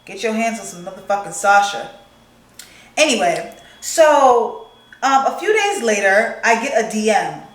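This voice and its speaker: A young woman vlogger chatting casually while doing her makeup, expressive and swearing freely. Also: mid-range voice, a little slow, recorded from a distance. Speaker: beauty vlogger. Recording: echoey room, voice a bit off-mic.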